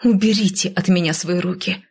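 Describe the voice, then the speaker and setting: A woman's voice: on the low side, steady tone, fairly quick, a little mellow, husky. A woman voicing a humiliated young captive princess who hisses and snaps her lines through clenched teeth. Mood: hissing furious.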